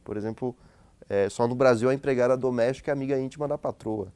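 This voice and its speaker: A man's voice: medium pitch, fast, darkish tone, smooth, no echo. Male academic guest, mid-range voice, dry close sound, chatty explainer who keeps tagging his sentences with questions. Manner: frequent tag questions and hesitant restarts. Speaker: guest sociologist and professor. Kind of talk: relaxed explanatory conversation.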